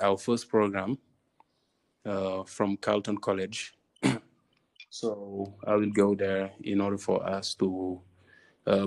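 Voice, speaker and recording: Senegalese guy w senegalese accent being interviewed, lowish voice, pretty flat, repeats himself a bit. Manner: hesitant, repeats phrases. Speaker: interviewee, tourism venture co-founder. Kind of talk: conversational interview answers.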